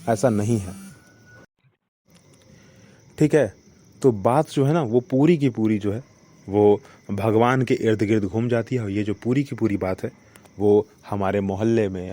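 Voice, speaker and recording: A man's voice: lowish voice, mellow. A man hosting his own podcast, talking through a story in a casual, reflective monologue and often checking in with short tags like "okay" and "right". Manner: reflective, repeats points with "ठीक है" and "ना". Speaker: podcast host.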